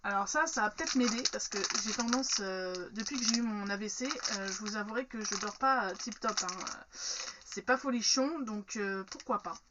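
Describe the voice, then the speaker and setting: A woman's voice: medium pitch, moderate pace, lo-fi sound, noisy background. A woman chatting frankly through an unboxing, with many fillers. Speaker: unboxing vlogger. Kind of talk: casual unboxing chat.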